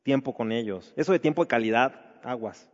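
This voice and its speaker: A man delivers a sermon aimed at married men, speaking briskly in a medium pitch. He talks conversationally and asks rhetorical questions, and the recording has the dull reverb of a hall.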